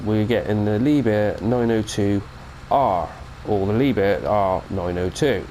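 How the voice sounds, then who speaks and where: Suffering from a cold, a British gaming channel host delivers a chatty, rambling review of a farming game mod, correcting himself as he goes. His lowish voice is warm and measured in pace, with a little hiss or hum in the background.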